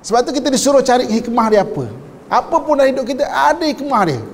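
A male preacher, telling a story to a live audience in a lively, joking way. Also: extremely high pitch, fast, in a large hall.

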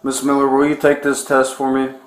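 A man, a police officer speaking calmly and firmly during an arrest. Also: mid-range voice, brisk. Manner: calm, firm and repetitive. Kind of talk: arrest procedure. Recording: echoey room with background noise.

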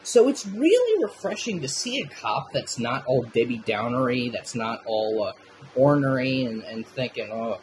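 A man's voice: medium pitch, big pitch swings, moderate pace, slight background noise, low-quality recording. A man giving a casual, enthusiastic film review, swearing freely as he talks.

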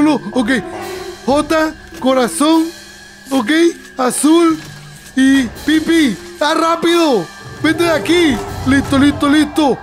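A man giving excited gameplay commentary, jumpy and fearful, constantly addressing his viewers as friends. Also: very high voice. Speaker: gaming YouTuber.

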